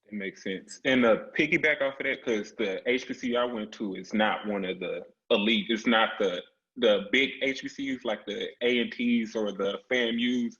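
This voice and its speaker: A man's voice: lowish voice, moderate pace, a bit bright. A man in a casual panel discussion who speaks plainly and sometimes searches for words. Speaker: panelist, HBCU alumnus. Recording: dull lo-fi call audio.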